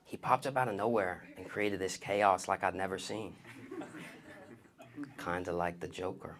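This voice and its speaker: A man's voice: deep voice, fairly even intonation, normal speed, background noise. A young man doing stand-up on stage, telling stories in casual slang and acting out the dialogue. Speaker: stand-up comedian. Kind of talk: stand-up comedy storytelling on stage. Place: on stage before an audience.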